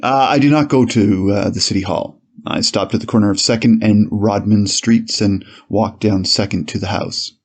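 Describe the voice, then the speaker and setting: In a dramatized courtroom reading, a man plays an 1890s police officer testifying on the witness stand in a measured, formal and slightly hesitant way. His lowish voice is steady, with a breathy edge.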